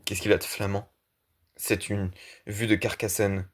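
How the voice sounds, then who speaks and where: A man's voice: on the low side, flat delivery, measured pace, pitched below the performer's own voice. A man voicing an irritable, blunt middle-aged man in an audiobook reading of a play, talking in a brooding, argumentative way. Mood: prickly.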